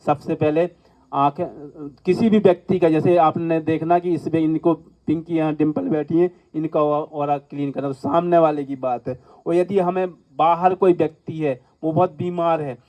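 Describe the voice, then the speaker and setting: A man's voice: a little high, steady tone, normal speed, mellow. A man acting as a spiritual teacher, giving an earnest, instructive healing lecture to a class indoors and repeating points for emphasis. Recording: muffled lo-fi recording.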